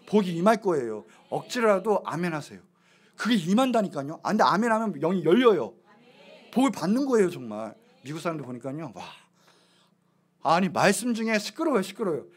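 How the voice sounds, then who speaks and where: A male pastor preaching a lively sermon in a church, swinging between loud exclamations and hushed asides. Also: high voice, slightly rough. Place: church sanctuary.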